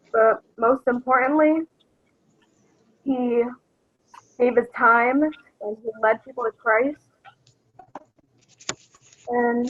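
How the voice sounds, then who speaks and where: A woman on a video call telling a story at a memorial in a slow, measured way, heard through a laptop speaker. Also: a little high, highs cut off, slight background noise. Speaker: family member at a memorial. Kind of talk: telling a story while folding paper.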